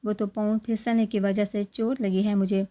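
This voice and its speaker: A woman voicing a gentle young bride who answers politely. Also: medium pitch, little pitch movement, moderate pace, lightly acted.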